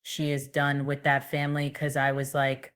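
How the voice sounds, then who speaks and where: A woman's voice: extremely low pitch, monotone, moderate pace, a bit bright, clean tone. A woman giving casual, sarcastic gossip commentary and reading news quotes aloud. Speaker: commentary vlogger.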